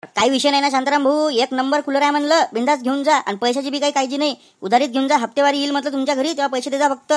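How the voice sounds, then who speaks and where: Woman doing a pushy uncle selling coolers, Vidarbha Marathi accent, high, fast, brash cartoon patter. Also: steady tone, natural voice. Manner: loud, brash sales patter. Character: pushy village cooler seller uncle, male. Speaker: voice actor. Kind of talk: cartoon comedy voice acting.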